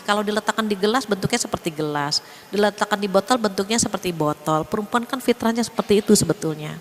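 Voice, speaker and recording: A woman's voice: medium pitch, in a large hall, a little hiss or hum. A woman preacher giving a casual religious lecture in a chatty way, acting out bits of everyday talk. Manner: chatty, acts out quoted speech in lively voices. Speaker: female Islamic preacher.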